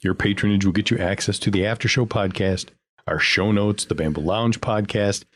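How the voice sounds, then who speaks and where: Male podcast host, low voice, playful announcer reading shout-outs, dry close mic. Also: fairly even intonation, moderate pace, dry recording.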